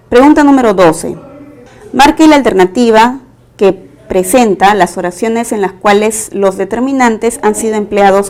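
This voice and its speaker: A woman gives a recorded exam-prep grammar lesson at a middle pitch. She works through each question with care, laying out every step of her reasoning. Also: a little mellow. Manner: methodical, explains step by step. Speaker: language teacher.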